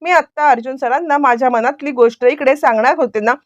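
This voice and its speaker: Woman reading anxious young wife, hesitant, pleading, slightly high, dry sound. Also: brisk, no room sound, highs cut off, natural voice.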